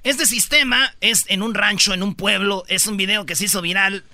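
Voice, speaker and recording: A man with a Mexican accent hosts a comedy radio countdown, ribbing his co-host and playfully mimicking the people in the stories. His voice sits high and rings very bright. The studio mic is close and dry. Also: steady tone, normal speed, dry recording. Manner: jokey, acts out people's voices.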